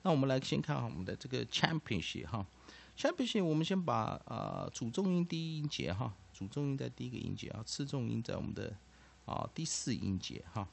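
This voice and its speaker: A man's voice: mid-range voice, big pitch swings, a little fast, gravelly, husky. A man teaching English pronunciation, padding his sentences with filler particles and repeating each point. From Taiwan. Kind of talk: explanatory lesson.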